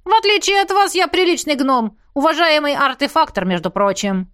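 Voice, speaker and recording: A fussy gnome inventor with a high, pinched voice, put on by a woman reading an audiobook. He talks in a boastful sales patter and slides into whining. The sound is dry and close. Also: lively intonation, moderate pace, fairly bright tone, no room sound. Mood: whiny. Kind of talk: audiobook character voice.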